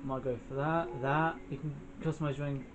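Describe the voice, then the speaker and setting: A young gamer and channel host gives casual, off-the-cuff commentary while playing a video game indoors in front of a TV screen, often muttering to himself. His voice is fairly high with fairly even intonation, and he speaks briskly. Video game music plays behind him amid a noisy background.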